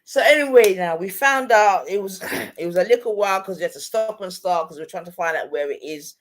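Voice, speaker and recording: Chatting casually, this middle-aged speaker spins stories in London roadman slang and accent, frequently tossing in tag questions to check the listener. The delivery is expressive and brisk at a medium pitch.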